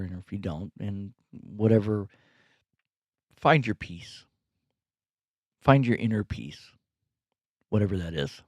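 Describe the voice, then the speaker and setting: A man's voice: fairly low pitch, darkish tone, dry recording. A man hosting his own podcast, telling a personal story casually, laughing often and swearing now and then. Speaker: podcast host. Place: bedroom.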